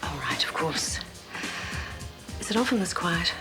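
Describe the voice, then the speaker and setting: A harried café boss. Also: female voice, big pitch swings, over music. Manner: hurried, low-voiced asides. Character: busy café boss, harried but grateful. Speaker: café owner. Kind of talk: television soap drama.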